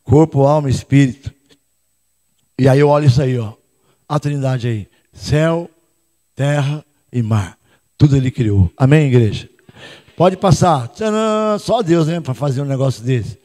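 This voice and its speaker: Brazilian pastor preaching in a reverberant hall. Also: male voice, medium pitch, normal speed, pauses often. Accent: Brazilian Portuguese. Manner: calls out to the congregation, prompts responses; switches between loud shouts and quiet asides. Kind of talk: lively church sermon. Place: church hall. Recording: long reverb of a church hall.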